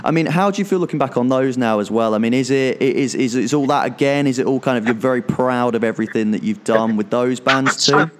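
A man with a mid-range voice talks fairly quickly with hardly any pauses while interviewing a musician in a casual setting. His questions are long and rambling, packed with restarts and fillers.

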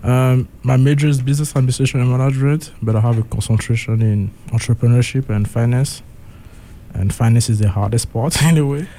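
A man's voice: medium pitch, fairly quick, warm tone. A young man with a Togolese accent, talking casually as a guest in a radio interview. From Togo and Gabon. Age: young adult. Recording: faint background noise.

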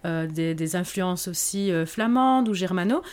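A woman author, speaking in a podcast interview in a reflective way and often pausing on fillers. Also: lowish voice, lively intonation, darkish tone. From Belgium. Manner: reflective, hesitant with frequent fillers. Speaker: author guest.

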